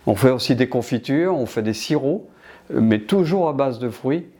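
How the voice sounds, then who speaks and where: Man, older, from Martinique, interviewee, hesitant, restarts often, dark mellow voice. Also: medium pitch, animated, normal speed. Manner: hesitant, many restarts and fillers. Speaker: business director interviewed. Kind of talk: interview answers.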